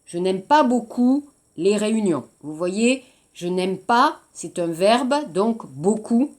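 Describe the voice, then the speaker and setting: A woman teaching French in a recorded lesson, explaining slowly and repeating key points for her students. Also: medium pitch, expressive, darkish tone. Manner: slow, deliberate explaining with frequent repetition.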